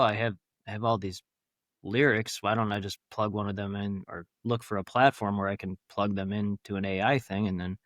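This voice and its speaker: Man, low voice, dry close sound, casual rambling interview talk, enthusiastic. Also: a bit bright, no echo. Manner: rambling, enthusiastic, many fillers and restarts. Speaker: podcast guest, founder.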